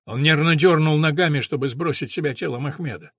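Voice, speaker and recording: A man's voice: fairly high pitch, fast, a bit bright, no echo. Dry-voiced male audiobook narrator. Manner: dramatic, tense storytelling.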